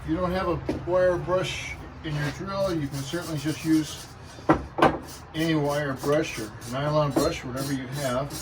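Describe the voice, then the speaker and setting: An American man with a fairly high-set voice talks casually outdoors, as in a home garden vlog. He is plainspoken and informal, explaining practical things simply. Traffic and outdoor noise sit clearly behind him. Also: steady tone, a little slow. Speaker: garden vlogger. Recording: noisy outdoor recording with traffic. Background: traffic and outdoor ambience.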